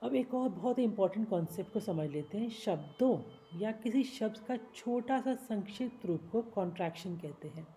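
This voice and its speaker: A woman teaching spoken English, spelling out long words slowly, syllable by syllable. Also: mid-range voice, lively intonation, warm tone, slight background noise, low-quality recording. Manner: slow, syllable-by-syllable spelling and pronunciation.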